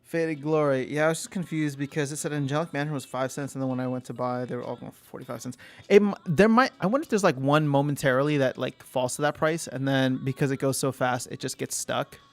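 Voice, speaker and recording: A man's voice: mid-range voice, quick pace. A young man hosting a casual livestream, thinking aloud, answering chat and trailing off mid-sentence. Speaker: livestream host.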